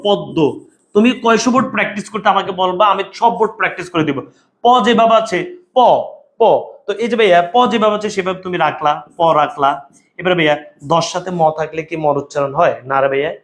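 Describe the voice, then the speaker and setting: A man teaching an online exam-prep language class, drilling students with call-and-response repetition and calling them brother. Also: high-pitched. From Bangladesh. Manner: calls listeners "bhaiya". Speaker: Bangla teacher.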